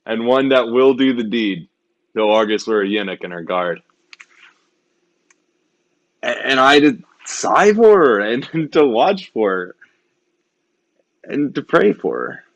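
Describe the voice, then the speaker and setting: A man playing a witty, lovesick gentleman in a stage Shakespeare comedy, declaiming in a hammy theatrical way. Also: mid-range voice, big pitch swings, slow pace, pauses often. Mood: lovesick, resigned. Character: witty, lovesick gentleman railing at his own love.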